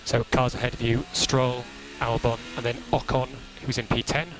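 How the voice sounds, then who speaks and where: Over a crackly, noisy motorsport team radio link, a man of medium pitch works as a race engineer. He briefs calmly and by procedure, going back over the important instructions at a steady, measured pace.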